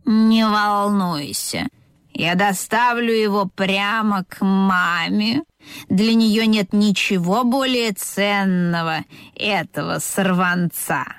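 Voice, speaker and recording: A woman voicing a stern grown-up male cat in a children's story, scolding slowly and firmly. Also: mid-range voice, smooth, no echo, clean studio sound. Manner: strict, scolding, slow and firm.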